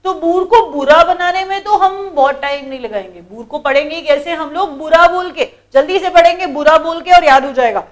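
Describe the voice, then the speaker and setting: A woman's voice: high voice, moderate pace, few pauses. A woman with an Indian accent teaching English vocabulary in a lesson, explaining patiently, repeating words and quizzing her students. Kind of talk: classroom lesson.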